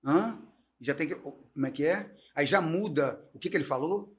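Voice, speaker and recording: A middle-aged man chats as a guest teacher on a talk show. He tells stories in a lively, talkative way. His voice sits slightly higher than most men's. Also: normal speed. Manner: animated, chatty storyteller. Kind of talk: casual talk-show conversation.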